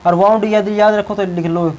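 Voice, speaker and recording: Young male teacher with a high voice who repeats key words and keeps checking in with the class. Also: fairly even intonation, normal speed, a little mellow, rough recording. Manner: repeats words and tags lines with a check-in phrase. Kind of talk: classroom lesson explaining English verbs in Hindi.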